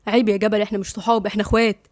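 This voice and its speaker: A woman with an Egyptian accent voicing a calm, loyal young man who soothes his friend briskly. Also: medium pitch, no echo, studio quality, natural voice. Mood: concerned.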